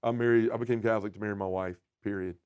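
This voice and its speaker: A man telling his personal testimony as a podcast guest, earnest and emotional, often dropping to a soft, quiet voice. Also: on the low side, steady tone, racing, smooth, muffled recording.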